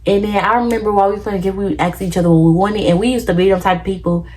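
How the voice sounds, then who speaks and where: A woman's voice: medium pitch, racing. Chatty young woman telling a storytime. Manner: animated, acts out quotes, many "da da da" fillers. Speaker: vlogger. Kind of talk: casual storytime.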